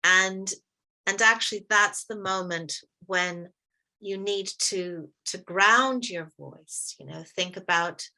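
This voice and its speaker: Workshop leader, woman, light American accent, clear bright tone, deliberate pacing with slowed emphasis, heard over a video call. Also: mid-range voice. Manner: measured, stresses words slowly. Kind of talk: interactive workshop teaching.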